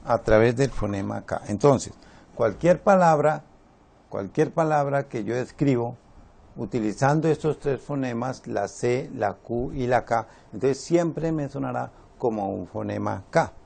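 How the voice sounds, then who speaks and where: Slow, gravelly male teacher. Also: medium pitch, darkish tone. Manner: slow and deliberate, repeats examples. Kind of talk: spelling lesson.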